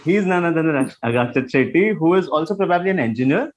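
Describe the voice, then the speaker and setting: A man with an Indian accent hosts an entertainment interview in a conversational way. His voice is high for a man and his pitch moves around in a lively, animated fashion. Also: fast talker. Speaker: interview host.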